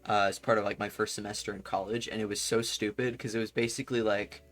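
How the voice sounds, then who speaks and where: A man's voice: on the low side, flat delivery, fast, fairly bright tone, soft background music. Chatty young male streamer. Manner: rambling and chatty, laughs often, trails off into muttering. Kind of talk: casual chat with a live-stream audience.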